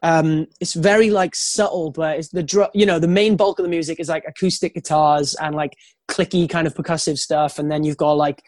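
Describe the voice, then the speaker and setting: A high-voiced man calls in by phone to a radio show. His talk is loose and rambling, full of "like" and "um", and the sound is dry and close with no room around it. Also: steady tone, a little fast, darkish tone, dry recording. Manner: rambling, lots of "like" and "um" fillers. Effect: heard over a phone line. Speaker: radio show guest, band member. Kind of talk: casual chat.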